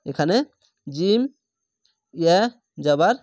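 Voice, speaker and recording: Brief: a male Quran reading teacher, slow and syllable-by-syllable, a fairly high voice, dry close sound. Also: darkish tone, no echo. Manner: slow, spells each syllable then reads it whole, repeats. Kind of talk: spelling-out recitation lesson.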